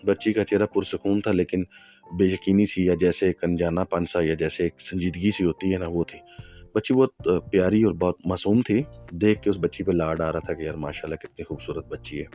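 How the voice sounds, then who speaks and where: A man's voice: low-pitched, steady tone, mellow, soft background music. A man telling a first-person true horror story in a conversational way, with fillers and asides.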